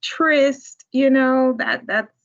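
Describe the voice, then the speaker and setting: A woman's voice: high-pitched, drawn-out words. A woman hosting a library talk, speaking with admiring enthusiasm. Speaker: program host. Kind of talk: casual discussion on a video call. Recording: muffled lo-fi call audio.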